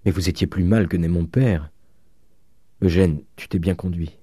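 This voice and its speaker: A man voicing a gentle, sensible young woman who speaks softly and evenly. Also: sits low, normal speed, slightly rough, no room sound, clean studio sound. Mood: tender.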